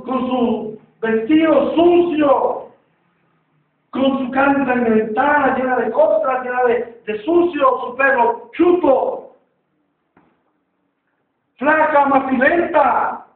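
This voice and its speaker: High-voiced preacher in an echoey church. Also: male voice. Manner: story told to a congregation, drawn-out emphatic phrases. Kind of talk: sermon with storytelling. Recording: echoey church, far off, tinny.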